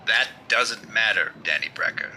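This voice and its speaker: An actor playing a commanding, mocking invisible avenger in 1930s radio drama style, stern, theatrical and deliberate. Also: male voice, on the low side, expressive, sharp tone, a little hiss or hum.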